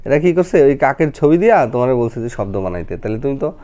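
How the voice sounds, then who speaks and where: A woman teaches a children's lesson. Her pitch rises and falls a great deal as she coaxes and explains patiently, one step at a time. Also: sing-song, fast, dark tone. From Bangladesh.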